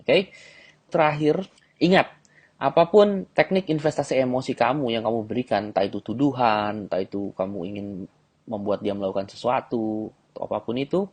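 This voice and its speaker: A man teaching as a dating coach in an instructional audio lesson, talking directly to the listener and often checking in with a quick "okay". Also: medium pitch, darkish tone.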